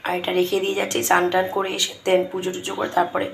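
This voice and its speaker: A hoarse woman, chatting through her day at home as she cooks. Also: fairly low pitch, completely flat delivery, rapid-fire, slight background noise, rough recording. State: hoarse, straining to speak. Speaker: vlogger. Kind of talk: casual daily vlog narration. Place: home kitchen.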